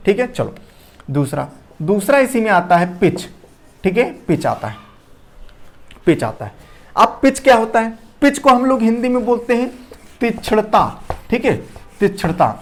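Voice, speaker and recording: A man lecturing a class, repeating key terms, asking rhetorical questions and often checking that students follow. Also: high-pitched. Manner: shifts loudness and speed to demonstrate. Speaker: teacher.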